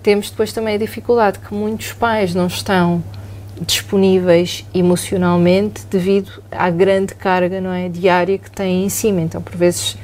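A middle-aged woman psychologist with a European Portuguese accent, calmly explaining and often checking in with tag questions. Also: fairly low pitch, normal speed. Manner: calm, explanatory, often asks "não é?". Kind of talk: explanatory podcast talk.

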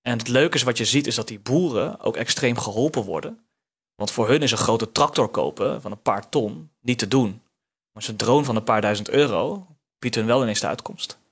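A man's voice: mid-range voice, normal speed, fairly bright tone, husky. Guy explaining stuff as an expert on a talk show, normal voice. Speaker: expert guest. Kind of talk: business interview.

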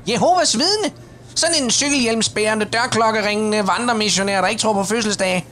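A man's voice: high voice, pushed and bright, slight background noise. A man playing an irritable man at his door, ranting indignantly at a stranger.

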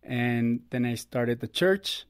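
A man's voice: mid-range voice, slow pace, clear, resonant tone, no echo. Upbeat man in a dry studio. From Costa Rica. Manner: earnest, upbeat storyteller. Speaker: guest, ministry producer. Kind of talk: casual interview.

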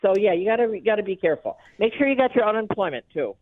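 A woman's voice: mid-range voice, lively intonation, fast talker. Wide-awake woman on a tinny phone line. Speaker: guest tax preparer, company chief executive. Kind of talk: live radio phone interview, explaining. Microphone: telephone.

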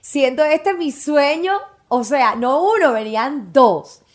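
A woman's voice: high-pitched, slow pace. Candid woman telling her own story. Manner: candid and emotional, lively storytelling. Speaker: podcast host. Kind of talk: personal storytelling.

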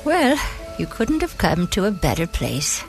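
A woman playing a kindly, folksy, devout elderly granny in a gentle, unhurried bedtime sleep story. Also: fairly low pitch, wildly swooping pitch, soft background music, heavily acted. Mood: folksy, welcoming. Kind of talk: scripted sleep story narration in character.

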